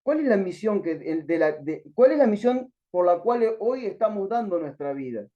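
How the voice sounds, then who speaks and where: High-voiced man teaching Bible class. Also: very animated, moderate pace, dull audio. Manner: searching for words with restarts, asking rhetorical questions. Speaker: teacher at a missionary school.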